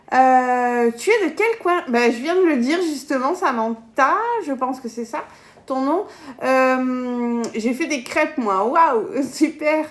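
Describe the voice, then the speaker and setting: A woman with a southern French accent, hosting a casual cooking live stream from her kitchen, chatting with viewers and laughing often. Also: sits high. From south of France. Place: home kitchen.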